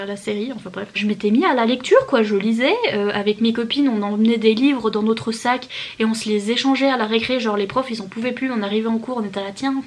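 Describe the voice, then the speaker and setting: Young woman vlogger, chatty and giggly, pitched a bit high, casual book talk. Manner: chatty, laughs often, slips into English phrases. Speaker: book youtuber. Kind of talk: casual chat to camera.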